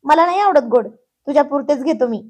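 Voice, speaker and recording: A woman's voice: high-pitched, animated, fairly quick, a little mellow. A woman voicing an exasperated young man who scolds and teases, still patient underneath. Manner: scolding, teasing.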